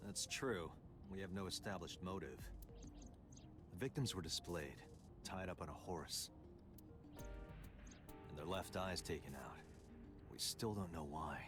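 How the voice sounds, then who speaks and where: An actor playing a dry, skeptical, easily flustered detective in a video game, with a gruff, exasperated manner. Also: male voice, low-pitched, unhurried, pauses often. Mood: pensive. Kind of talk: English video game voice acting. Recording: music behind the voice.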